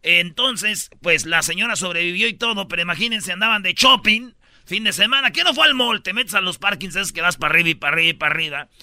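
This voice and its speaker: A man's voice: high voice, animated, fast, bright, forceful tone, no echo. A man with a Mexican Spanish accent hosting a radio show, telling news stories with teasing, slang-heavy banter.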